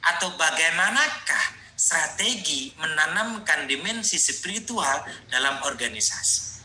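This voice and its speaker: Bright-voiced man lecturing. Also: a little high, animated, a little slow, echoey room, rough recording. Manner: rambling, explanatory, addresses listeners as Pak and Bu. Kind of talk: online research methods lecture.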